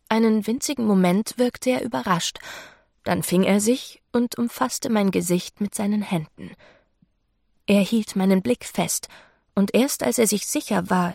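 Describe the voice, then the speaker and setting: A woman narrates a novel in the first person with a measured, intimate delivery. Her voice carries a gravelly texture. The recording is dry and close, with no room sound. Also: mid-range voice, a little mellow, no echo. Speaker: audiobook narrator.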